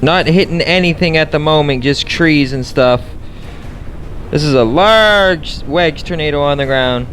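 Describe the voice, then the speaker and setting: A man's voice: a little high, steady tone, moderate pace, a bit bright, a little hiss or hum. A man giving casual play-by-play vlog commentary as a storm chaser, addressing his viewers directly and repeating short phrases. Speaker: storm chaser and video host.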